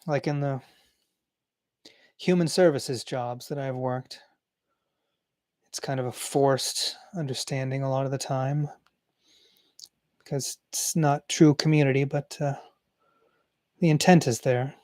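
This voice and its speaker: A man reading a book aloud cold, stumbling and correcting himself, with halting, reflective pauses when he speaks for himself. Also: mid-range voice, fairly even intonation, a little mellow, dry recording. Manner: stumbling cold read with slips and self-corrections. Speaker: reader and commentator. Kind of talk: cold read-aloud of a book with personal asides.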